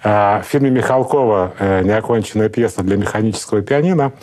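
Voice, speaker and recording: A middle-aged man, a psychotherapist, calmly explaining in an interview in a lecturing manner. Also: on the low side, a little fast. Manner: calm, lecturing, acts out example speakers. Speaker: psychotherapist guest.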